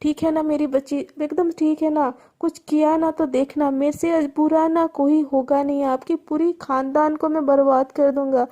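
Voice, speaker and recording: A woman's voice: sits high, flat delivery, moderate pace, few pauses, warm tone, close to an everyday voice. A woman voicing a panicked middle-aged father who threatens his daughter's kidnapper. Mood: frantic.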